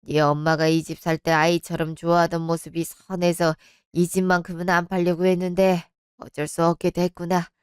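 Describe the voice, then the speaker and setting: A woman's voice: level tone, moderate pace, smooth, dry recording, clean studio sound, natural voice. Woman voicing a somber weary father. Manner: low, heavy, old-fashioned speech. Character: gravelly middle-aged father, somber and resigned.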